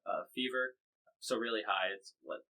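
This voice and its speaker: A man's voice: medium pitch, normal speed, bright, forceful tone, poor audio. An American man hosting a podcast, covering the news in casual, wry chat full of fillers and restarts. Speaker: podcast host.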